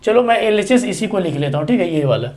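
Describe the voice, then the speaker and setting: A man's voice: sits high, big pitch swings, fast talker, a little mellow. A man teaching math, explaining a proof step by step. He talks patiently and keeps checking with the students as he goes. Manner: patient, repeats checks like "see" and "okay".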